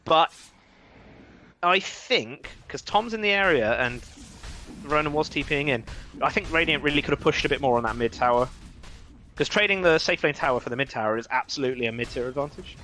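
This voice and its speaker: A man commentates a live esports game with a bright, fairly high voice. He is chatty and wry, jumping quickly on each play. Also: expressive. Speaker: esports caster.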